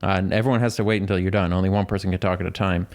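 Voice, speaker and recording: A man's voice: low voice, fairly even intonation, very fast, darkish tone. A man co-hosting a casual podcast, telling stories in a rambling, self-interrupting way. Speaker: podcast co-host.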